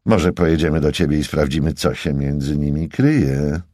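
A man's voice: very deep voice, normal speed, a little mellow, dry recording, clean studio sound. A man voicing a sleazy, pushy pickup man in a bar scene of an audiobook, smug and leering.

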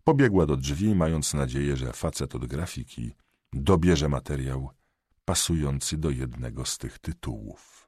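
Deep husky man reading a thriller. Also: no echo, studio quality. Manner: measured, expressive reading. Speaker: audiobook narrator. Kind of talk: scripted thriller narration.

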